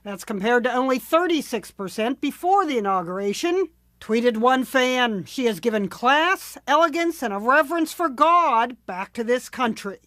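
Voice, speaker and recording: A woman correspondent delivers a scripted news package with a wry, teasing edge. Her voice sits notably high. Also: lively intonation, moderate pace, a bit bright, no room sound.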